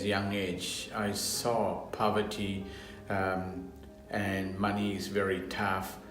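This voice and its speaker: A middle-aged man from Sri Lanka, a charity founder, telling his life story in simple, halting English with restarts. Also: fairly low pitch. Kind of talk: personal story to camera. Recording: echoey room with music underneath.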